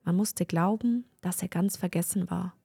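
A woman reading a fairy tale aloud in a calm, measured storytelling manner. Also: on the low side, vocal fry, husky, dry recording, studio quality. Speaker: reader.

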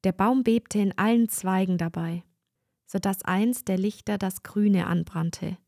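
A woman reading a fairy tale aloud in a calm, measured storytelling manner. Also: mid-range voice, no room sound, studio quality. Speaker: reader.

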